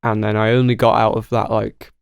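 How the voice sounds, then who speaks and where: A man's voice: lowish voice, flat delivery, brisk, gravelly, smooth, no room sound, clean studio sound. A young man with a Hull accent chatting casually and informally, with some swearing. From Hull, England. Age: young adult. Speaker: podcast guest, music student. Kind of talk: casual chat.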